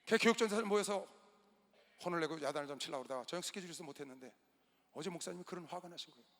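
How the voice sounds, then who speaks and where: A man with a high, sharp and bright voice preaches a storytelling sermon. He swings from sudden loud bursts to quiet asides. His voice rings with the long reverb of a big indoor gymnasium used as a church hall. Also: very fast. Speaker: pastor.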